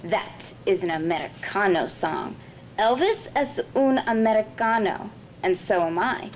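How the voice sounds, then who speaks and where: A woman voicing a lively, proud schoolteacher with a sing-song way of talking. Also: unhurried, slight background noise, close to an everyday voice. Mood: stern. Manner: sing-song, turning low and rough when angry.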